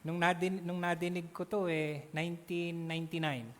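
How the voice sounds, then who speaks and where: A man teaching a church Bible class in an animated way, often checking in with his listeners. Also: fairly high pitch, moderate pace. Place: church hall. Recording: long reverb of a hall.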